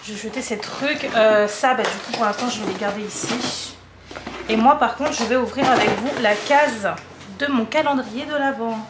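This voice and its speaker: A woman's voice: on the high side, normal speed. A young French woman chatting casually and rambling through an unboxing vlog at home, with a slight cough. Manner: rambling, lots of fillers and repeats. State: coughing a little. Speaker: vlogger. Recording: roomy echo, faint hum.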